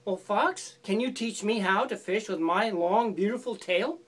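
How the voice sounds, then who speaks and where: A woman's voice: medium pitch, measured pace, husky. A woman voicing a proud, gullible male bear who asks eagerly and trustingly in a folk tale.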